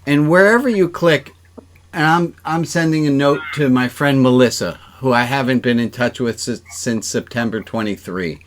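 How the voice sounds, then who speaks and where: A man with a mid-range voice, talking at a normal speed over slight background noise, leads an informal online service as a rabbi. He keeps it conversational and full of jokes, urging people to join in as he guides exercises in a loose, interactive sermon.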